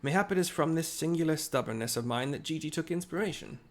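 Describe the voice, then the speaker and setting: A man voicing an earnest old gentleman in a game, with a strained, aged voice and courtly, archaic speech. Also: on the high side, fast, pitched above the performer's own voice, lightly acted. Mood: resolute. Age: older. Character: old gentleman inspector, formal, earnest, protective father. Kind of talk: game dialogue read aloud.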